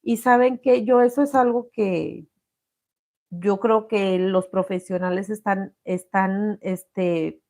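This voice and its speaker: Slow and warm, with a medium pitch and a steady tone, this middle-aged Mexican woman hosts an emotional testimony about her own life. She addresses those watching as "corazón."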